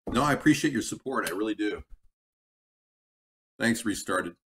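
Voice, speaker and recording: A man's voice: on the low side, expressive, normal speed, creaky, fairly bright tone. Man on a distant, tinny mic. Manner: rambling, folksy, breaks off to read chat. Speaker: livestream cooking host. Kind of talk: casual cooking chat to live viewers. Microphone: computer microphone, away from the mouth. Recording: tinny computer mic, distant, background noise.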